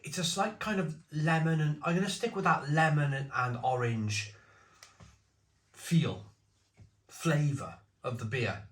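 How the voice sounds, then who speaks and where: A man's voice: a little high, a bit bright. British man with a chesty cough, echoey room. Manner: halting, repeating phrases as he muses. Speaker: beer reviewer. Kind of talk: casual spoken review to camera.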